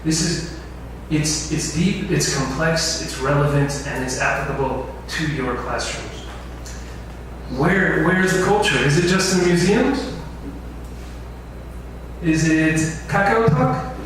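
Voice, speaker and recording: His voice sits on the high side, fairly bright, and he speaks slowly. This male instructor runs an info session lecture in a big echoey room, often quizzing the class, recorded via a distant mic with faint noise.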